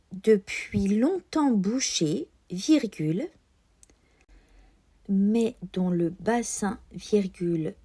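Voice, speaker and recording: A woman dictating as a teacher, enunciating each phrase carefully and deliberately. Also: medium pitch, dark tone, husky. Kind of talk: dictating slowly, repeating phrases and speaking punctuation aloud.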